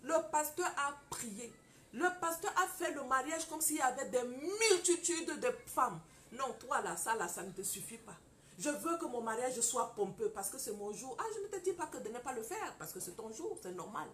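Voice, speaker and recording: High-voiced woman preaching with fervor. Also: lively intonation, normal speed, a little hiss or hum. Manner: fervent, swings from quiet storytelling to loud declarations; addresses listeners directly, scolding and exhorting. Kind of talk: testimony-style preaching to an audience.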